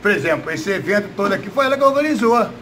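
High, bright Brazilian man over background noise. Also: lively intonation, racing. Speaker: jiu-jitsu coach. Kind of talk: casual interview answers. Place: indoors, gym room.

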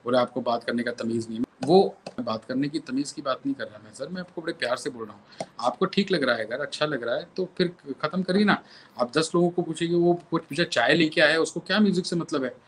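Animated male musician telling stories. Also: a little high, fast, a little hiss or hum. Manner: lively storyteller, repeats phrases for emphasis. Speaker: violinist and composer, interview guest. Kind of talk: anecdotal interview storytelling.

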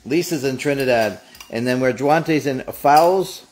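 A man's voice: medium pitch, unhurried, darkish tone, a little hiss or hum. A man co-hosting a home cooking stream, casually reading out viewer names and where they are watching from. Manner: casual, reads names off a list. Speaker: co-host reading viewer comments. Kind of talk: live-stream chat. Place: home kitchen.

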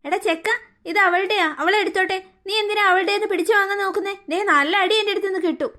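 Woman doing a cartoon aunt, bossy, haughty, scolding, threatening, very high voice. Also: steady tone, rapid-fire, bright, forceful tone. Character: scheming haughty adult aunt, mean and bullying. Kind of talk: cartoon story voice acting.

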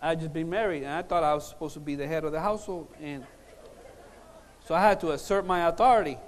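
In a large conference hall, a high-voiced, middle-aged preacher born in Cuba and from Puerto Rico stands at a lectern, delivering a sermon of funny personal stories with animated emphasis, pauses, and repetition. His lapel mic feeds a reverberant hall system, and there's slight background noise.

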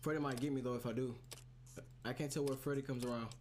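A man's voice: mid-range voice, steady tone, fast talker, darkish tone. Nervous horror game streamer, noisy man's recording. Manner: slangy, profane talk, often repeating phrases. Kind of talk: casual live gaming commentary to chat.

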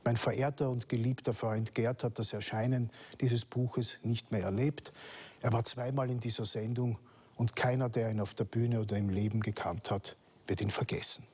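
A man's voice: mid-range voice, steady tone, normal speed, husky. A man hosting a studio book talk show, introducing guests formally. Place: studio set with books.

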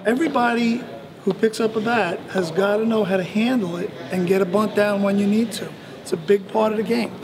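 A man's voice: high voice, fairly even intonation, fairly quick. A man coaching baseball players at a clinic, encouraging them and telling a game story. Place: large indoor sports dome. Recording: echoey dome with crowd noise.

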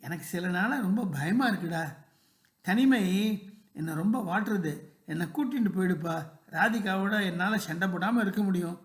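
A storyteller voicing an elderly widowed mother, lonely and tender, in a soft and talkative way, recorded in a roomy space with echo. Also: mid-range voice, normal speed, lightly acted.

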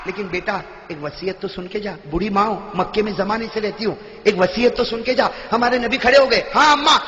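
High, shouting preacher in an echoey hall. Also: male voice. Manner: dramatic storytelling, acting out dialogue, swelling to shouts. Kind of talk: emotional religious sermon. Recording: echoey hall, dull lo-fi sound.

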